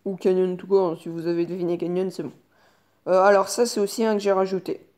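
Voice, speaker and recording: Femme qui bavarde, enregistrement bruité. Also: female voice, on the low side, level tone, fast. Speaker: co-host. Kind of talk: casual chat, commenting on clips. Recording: noisy home-made recording with clicks.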